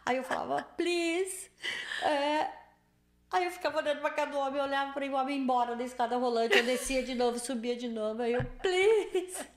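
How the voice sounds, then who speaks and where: Animated Brazilian mother telling stories. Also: high voice, very fast, hardly any pauses. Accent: Brazilian Portuguese. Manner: animated, emotional storyteller. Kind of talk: casual storytelling on a livestream.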